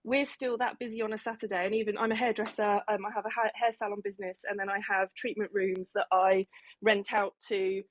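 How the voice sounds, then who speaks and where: A woman's voice: mid-range voice, level tone, brisk, a little hiss or hum. Chatty woman, slightly breathless. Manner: rambling, lots of ums and restarts. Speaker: salon owner and hairstylist. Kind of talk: casual chat on an audio room.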